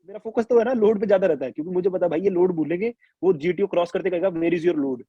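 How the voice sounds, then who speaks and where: In a lo-fi recording without echo, a young man from India talks rapid-fire in a high, breathy voice. He's being interviewed about his exams and tells the story chattily and colloquially, restarting often and dropping in quoted asides.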